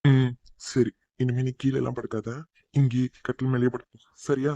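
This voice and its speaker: A man voicing a gruff, quick-tempered young husband in a cartoon. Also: medium pitch, little pitch movement, dark tone, dry recording, close to an everyday voice. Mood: coaxing. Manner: curt, scolding. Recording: dull, muffled dry recording.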